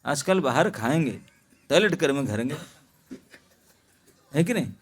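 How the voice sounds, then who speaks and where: A male monk gives a sermon as a lively story, stopping to put questions to his audience. His voice sits somewhat high for a man. He tells it loosely, with the manner of a spoken lecture rather than a script. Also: a little slow, a little hiss or hum. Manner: animated, asks the audience questions. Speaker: monk preacher.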